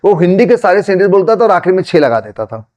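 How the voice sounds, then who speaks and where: A man from Gujarat with a Gujarati accent, a native Gujarati speaker, teaching spoken English in a relaxed conversational way and slowly repeating example sentences. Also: sits high, muffled recording. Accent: Gujarati-accented Hindi. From Gujarat, India.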